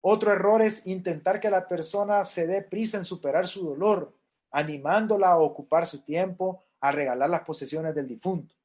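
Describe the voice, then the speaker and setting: A middle-aged pastoral counselor lectures a class on grief, earnest in manner, repeating key points and acting out what people say. His voice sits high and is a little mellow, at a moderate pace.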